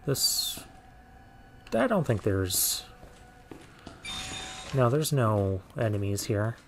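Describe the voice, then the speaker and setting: A man's voice: fairly low pitch, very animated, very slow, vocal fry, slight background noise. A man giving casual let's play commentary on a video game, thinking aloud with muttered asides as he goes. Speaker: gaming let's play host.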